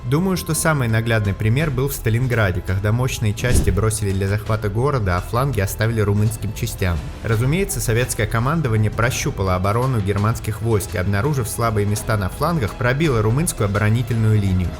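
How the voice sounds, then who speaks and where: Fast-talking man narrating history over music. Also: on the low side. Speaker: history channel host and narrator. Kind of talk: scripted documentary-style narration. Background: background music.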